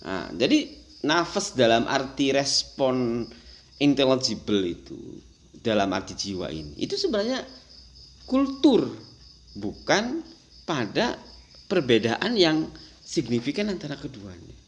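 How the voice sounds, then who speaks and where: Animated male lecturer, lively pitch. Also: a little slow, pauses often. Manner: animated, rhetorical questions, acts out quoted voices. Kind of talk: Islamic philosophy lecture.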